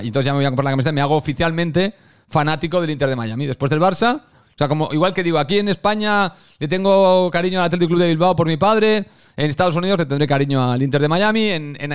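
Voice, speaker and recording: A man's voice: on the high side, clean tone. A Spanish man with a Galician accent, a football youtuber chatting and telling stories to his viewers. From Spain. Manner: animated, chatty, addresses viewers directly. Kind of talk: casual fan commentary and storytelling.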